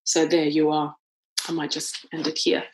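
A woman with a heavy foreign accent in English reads aloud from her own book, then discusses it thoughtfully in a conversational interview, searching for words and restarting often. Her deep voice is monotone at a normal speed, with slight background noise.

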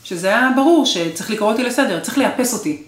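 A woman's voice: fairly high pitch, animated. A woman in her forties in an interview, recounting her marriage with emotional, repetitive intensity. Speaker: guest. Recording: roomy echo.

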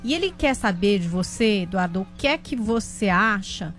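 A woman co-hosting a live online show, reading out viewer questions in a brisk, conversational way. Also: medium pitch, animated, fairly bright tone, faint music behind. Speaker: co-host.

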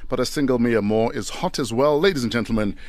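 A man's voice: medium pitch, fast, no echo. A man hosting a breakfast radio show, chatting playfully with a studio guest. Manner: playful, animated interviewer. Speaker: radio host.

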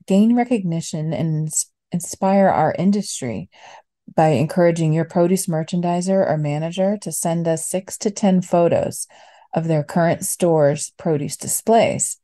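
A woman's voice: fairly low pitch, warm tone. A woman reading a friendly scripted podcast introduction and announcements.

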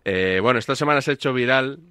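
Bright-voiced wry sports host. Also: male voice, medium pitch, quick pace, dry recording. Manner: wry, playful, plays clips and quizzes the assistant. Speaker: radio sports show host. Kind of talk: casual sports chat.

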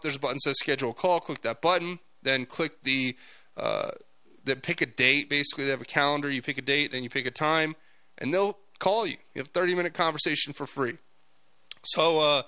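A man hosting a political talk podcast, speaking off the cuff in a halting but emphatic monologue. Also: fairly high pitch, sharp tone, dry recording.

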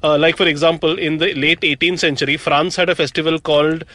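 A man's voice: fairly high pitch, fairly even intonation, a little fast, pushed and bright. A young man from South India co-hosting a podcast, telling history in a chatty, joking way with lots of "uh"s. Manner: chatty, jokey storyteller with frequent fillers. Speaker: podcast co-host. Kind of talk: casual chat.

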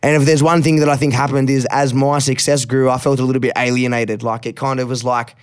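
A man's voice: medium pitch, flat delivery, quick pace, clear, resonant tone. An Australian man, a rapper guesting on a podcast, talking candidly and reflectively in casual chat, swearing now and then and repeating words when moved.

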